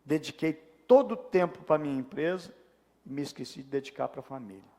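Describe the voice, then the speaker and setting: A man's voice: a little high, animated, fairly quick, a little mellow. A preacher voicing a regretful workaholic father. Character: grieving middle-aged workaholic father, full of regret. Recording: long church reverb.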